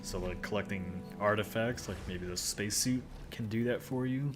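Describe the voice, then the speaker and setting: A man plays through a video game, explaining its mechanics in an easygoing, casual way. His voice sits low for a man. Loud game music plays behind him the whole time. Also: normal speed. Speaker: co-host playing a video game. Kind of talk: casual gaming commentary.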